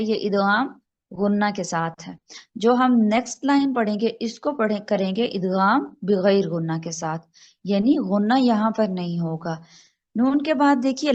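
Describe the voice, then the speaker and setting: A woman with a medium-pitched voice leads an online Quran recitation lesson by video call, explaining the rules patiently and spelling examples out slowly. The recording sounds muffled.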